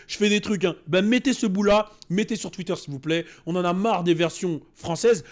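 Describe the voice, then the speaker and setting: A man with a high voice rants in a loose, casual way as he reacts on stream. He swears freely, breaks into mimicked voices, and keeps the energy up throughout. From France.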